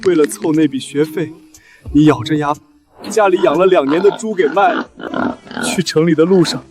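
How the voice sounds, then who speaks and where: A man's voice: fairly high pitch, moderate pace, close to an everyday voice. An actor playing a grief-stricken, determined son seeking justice for his father in a short drama, pleading and tearful. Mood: anguished remorse. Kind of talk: emotional short-drama acting.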